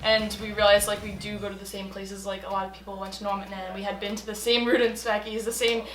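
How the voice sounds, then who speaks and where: A young woman chats in an interview, her bright, forceful, mid-range voice flat in delivery and fast. She's chatty, packing in likes and ums and laughing easily. Echo fills the room, with faint music underneath.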